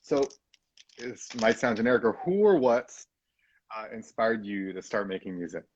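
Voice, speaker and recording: A man's voice: fairly low pitch, moderate pace, darkish tone, dry recording, lo-fi sound. A young man hosting a live-stream showcase, talking casually and effusively with many fillers and restarts. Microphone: phone or computer mic.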